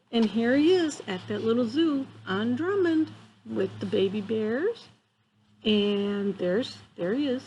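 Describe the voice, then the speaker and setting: This children's storyteller, a woman in her fifties with a medium-pitched voice, reads a picture book aloud on a wooden deck in the trees. She sounds amused and animated, exclaiming and chatting between lines, captured in a rough recording with faint outdoor background noise.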